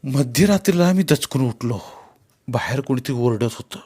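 A man reading a literary story aloud in a measured, unhurried narration. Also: medium pitch, animated, a little mellow, slightly rough.

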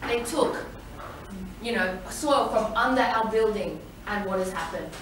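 A woman's voice: medium pitch, a little slow. A middle-aged woman church leader giving a personal testimony, telling her story with animation, acting out quoted voices and laughing often. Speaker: church leader, women's day speaker. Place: large church hall. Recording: echoey hall, mic from far off, faint noise.

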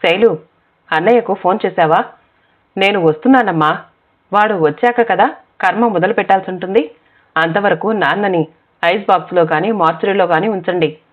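A woman's voice: medium pitch, normal speed, long pauses, natural voice. A woman voicing a worried middle-aged husband who speaks in a choked, earnest way, in a spoken storybook. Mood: urgent. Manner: choked, pleading. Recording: tinny phone-like sound.

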